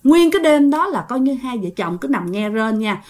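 A woman's voice: a little high, normal speed. A woman telling a ghost story, speaking straight to her listeners. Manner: animated, addresses listeners directly.

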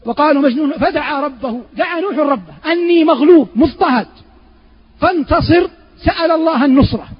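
A man's voice: extremely high pitch, dull audio. A male preacher teaching Quran commentary. He asks his listeners questions and answers them himself, and he chants the verses as he quotes them. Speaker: Islamic preacher.

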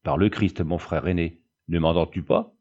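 A man's voice: sits low, moderate pace, a little mellow, voice pushed down. A man reading the part of a drunk, hot-tempered frontier captain who blusters and threatens. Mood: angry. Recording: dull lo-fi recording.

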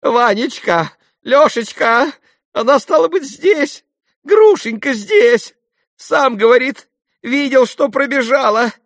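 A shrieking frantic old landowner. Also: male voice, slow, gravelly, dry recording, clean studio sound, exaggerated voice. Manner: shrill, squealing, breathless cries.

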